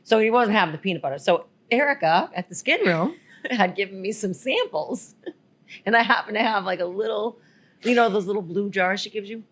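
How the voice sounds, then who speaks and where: A woman's voice: medium pitch, brisk. A woman co-hosting a podcast, telling a rambling story in a casual, giggly way. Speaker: podcast co-host.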